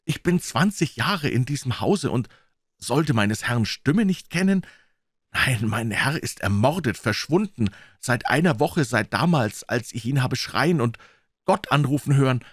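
A frightened, loyal old manservant pleads urgently in a raised voice, as a male reader puts him on. The storybook narration sounds dry and close. His tone rises and falls in lively swings. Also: mid-range voice, measured pace, slightly rough, dry recording, voice pushed up.

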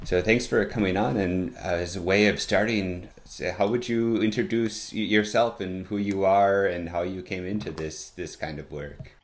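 Deep, very low male host, measured and friendly, opening a video-call episode. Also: steady tone. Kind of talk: podcast introduction on video call.

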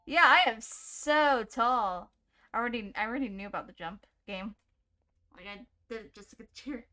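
A woman's voice: fairly high pitch, moderate pace, sharp tone. A woman giving casual let's-play commentary, jumpy and chatty, laughing often and talking to the game as she plays. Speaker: gaming YouTuber.

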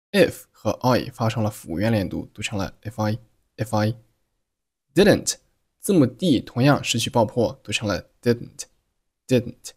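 Male pronunciation teacher, low voice, methodical, repeats words slowly. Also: darkish tone, breathy edge. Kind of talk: explaining English pronunciation.

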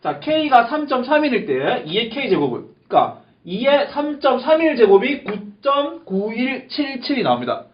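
A man's voice: extremely high pitch, big pitch swings, a little slow, hardly any pauses. A man teaching a math lesson, repeating key terms emphatically and checking that the class understands. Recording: echoey lo-fi classroom recording with faint hiss.

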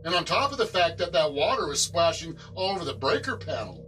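Middle aged guy telling what happened to him, pitch all over, music behind. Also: very animated, fairly quick, bright, forceful tone. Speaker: amateur ghost investigator. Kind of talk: spontaneous first-hand account on camera. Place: indoors at home.

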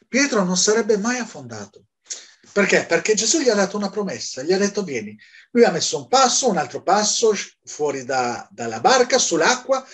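A man preaching a Bible study, asking questions and answering them himself. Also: sits high. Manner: animated, asks and answers his own questions.

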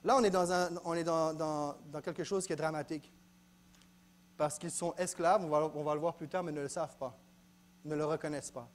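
Man, pastor, church sermon, high voice, emphatic. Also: fairly even intonation, a little fast. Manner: emphatic, swings from quiet asides to loud exclaims.

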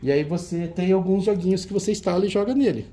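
A man's voice: high voice, quick pace, noisy background. A man hosting a retro game auction, showing old cartridges in casual, teasing banter. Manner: chatty, teasing, jokey banter with a helper.

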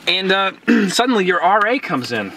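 Young guy, slightly high voice, deadpan storyteller, noisy car audio. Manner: deadpan storyteller, drawn-out pauses. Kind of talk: casual chat, absurd made-up scenarios.

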